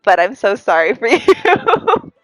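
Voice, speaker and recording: While livestreaming a game with its music playing, a woman offers giggly, chatty, self-deprecating commentary. She sounds congested, her breathing is audible, and her high-leaning voice swings hugely in pitch at a slow pace over slight background noise.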